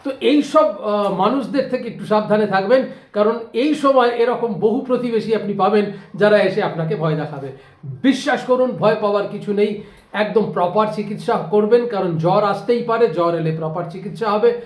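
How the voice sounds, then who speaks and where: A man's voice: high voice, moderate pace. A man with a Kolkata Bengali accent telling a comic story to camera and giving chatty advice. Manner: chatty, advising, acts out neighbours. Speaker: motivational video host. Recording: echoey room.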